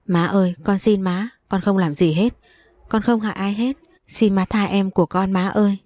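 A woman's voice: medium pitch, steady tone, normal speed, a little mellow, no echo, close to an everyday voice. A woman voicing a frightened young daughter-in-law who pleads tearfully in a storybook reading. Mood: pleading.

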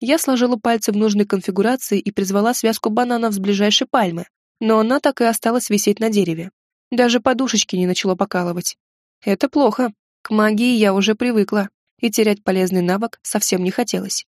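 A woman's voice: mid-range voice, a little fast, a little mellow, no echo, clean studio sound. A woman narrating a first-person fantasy audiobook in a wry, ironic storytelling manner.

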